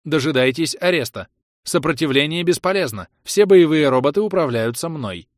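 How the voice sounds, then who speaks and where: A man voicing a cold, emotionless computer that governs a colony, speaking in flat commanding tones. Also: a little high, moderate pace, no room sound, clean studio sound, pitched above the performer's own voice, close to an everyday voice.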